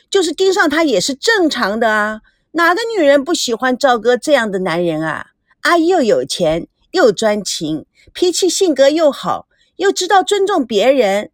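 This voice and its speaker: A coy, scheming woman in an audio novel, syrupy sweet and showing off, her high voice swooping up and down, as a woman narrator puts her on. The sound is close and dry. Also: very animated, measured pace, no echo. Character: flirty scheming woman, sugary and boastful.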